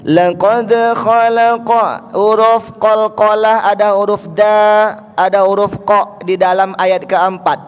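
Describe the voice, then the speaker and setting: A man teaching Quran recitation to a congregation, coaxing listeners to repeat and breaking into slow, drawn-out chanted verses between his explanations. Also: high voice, level tone, clear, resonant tone. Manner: coaxes listeners to repeat, counting them in. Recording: long hall reverb with faint music.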